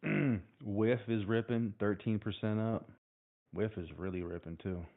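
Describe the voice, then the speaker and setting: A man's voice: fairly low pitch, steady tone, unhurried. A man in a casual group chat who swears freely while calling out market moves. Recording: tinny online voice call.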